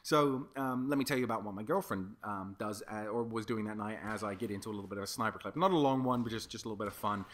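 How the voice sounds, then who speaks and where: Fast-talking, bright-voiced young man. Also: on the low side. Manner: chatty, swears freely, many fillers. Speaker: gaming commentator. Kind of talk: casual storytelling over gameplay.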